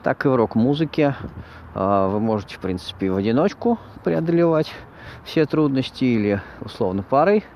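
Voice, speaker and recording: A man hosting an informal podcast monologue, speaking haltingly in broken phrases as he searches for words. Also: mid-range voice, lively intonation, dull audio, a little hiss or hum. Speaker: podcast host.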